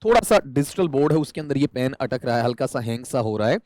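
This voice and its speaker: A man's voice: medium pitch, expressive, fast talker, darkish tone, dry recording. A man teaching an exam-prep English lesson, explaining step by step and asking and answering his own questions. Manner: calls students "beta".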